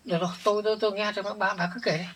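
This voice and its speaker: A man's voice: high-pitched, level tone, very fast, crowd noise, lightly acted. A man playing an older village man thrown out by his jealous wife, who stumbles and repeats words when upset. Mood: agitated. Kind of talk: village family drama acting.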